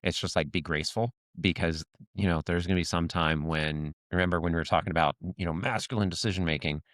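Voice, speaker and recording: A man's voice: deep voice, steady tone, quick pace, fairly bright tone, dry recording, studio quality. A man co-hosting a podcast in casual conversation, rambling with many fillers and acting out little quoted lines. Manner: rambling, heavy with "like" and "you know" fillers. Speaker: podcast co-host.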